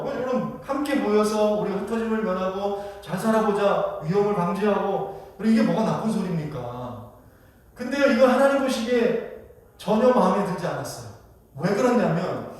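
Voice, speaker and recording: A male pastor preaching a sermon who keeps putting questions to the congregation. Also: high voice. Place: church sanctuary. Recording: echoey church hall from far off.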